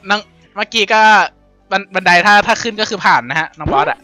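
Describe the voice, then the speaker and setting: A young man playing and commenting on a video game in a casual, playful way, laughing often and yelping when excited. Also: high voice, fast, soft background music. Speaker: gaming YouTuber.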